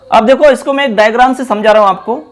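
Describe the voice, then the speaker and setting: A man's voice: very high-pitched, fast. A man teaching a Sanskrit grammar class at a board. He explains step by step, repeats key terms and calls his viewers friends.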